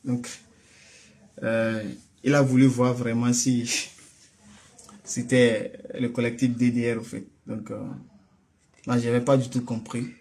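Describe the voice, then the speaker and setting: Speaking slowly and flatly, with long pauses and a darkish tone, a man with a West African French accent hosts a casual religious phone call. His pitch is medium. He is somewhat hesitant, often saying a phrase twice before moving on.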